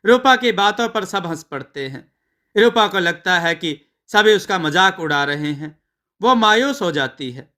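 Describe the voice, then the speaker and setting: Male storyteller, measured narration, bright tone. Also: high voice, lively intonation.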